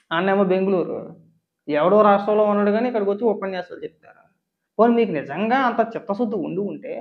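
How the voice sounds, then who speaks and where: Fast, high-voiced indignant male commentator. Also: dull audio. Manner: fires rhetorical questions, sarcastic and indignant. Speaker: political commentator. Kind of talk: political commentary rant.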